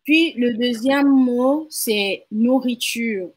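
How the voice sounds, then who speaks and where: A woman's voice: fairly high pitch, very slow, a little mellow. A woman learning a language from her mother in a casual lesson, repeating words carefully and laughing at herself. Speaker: learner and co-host.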